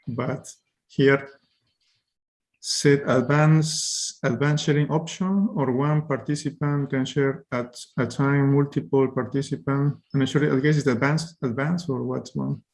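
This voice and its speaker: A man speaking over a video call as keynote speaker, thinking aloud in halting phrases while working through screen-sharing settings. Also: medium pitch, steady tone, gravelly, darkish tone. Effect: heard over a video call.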